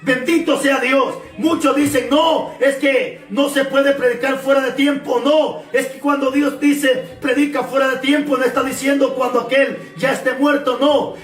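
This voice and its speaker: A man preaching a fervent sermon, repeating phrases and often shouting. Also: very high voice, roomy sound, distant mic. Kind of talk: shouted Pentecostal-style sermon.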